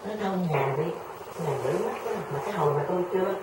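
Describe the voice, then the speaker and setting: A woman's voice: lowish voice, very fast. An older woman, telling a story in a casual chat and acting out the voices of the people in it. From Vietnam. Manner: animated storyteller, acts out quoted voices. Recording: roomy, distant radio recording with background noise.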